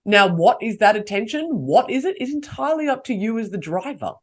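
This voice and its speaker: A woman's voice: on the high side, very animated, fairly quick. A woman hosting a solo podcast, coaching her listeners and asking them rhetorical questions. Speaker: podcast host.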